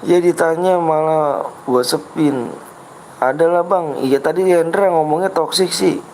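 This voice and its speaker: A man's voice: fairly high pitch, measured pace, a little mellow, a little hiss or hum, rough recording. A man hosting a game livestream, chatting casually with Jakarta slang, patiently reading comments and coaxing viewers over and over. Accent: Jakarta Betawi slang. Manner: patient, reads chat, repeats himself coaxingly.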